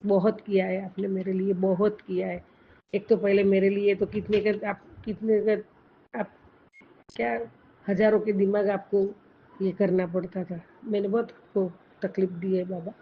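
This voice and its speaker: A woman speaking in a soft, reverent voice, devotedly repeating thanks in prayer. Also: mid-range voice, level tone, a little slow. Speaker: devotee reading and answering messages. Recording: dull lo-fi with faint noise.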